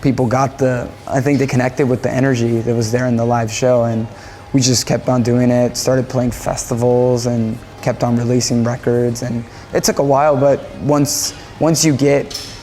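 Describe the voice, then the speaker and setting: A man's voice: medium pitch, flat delivery, moderate pace, warm tone, faint music behind. A man from Japan, a band musician, talking casually in an interview in a rambling way, often repeating phrases and restarting.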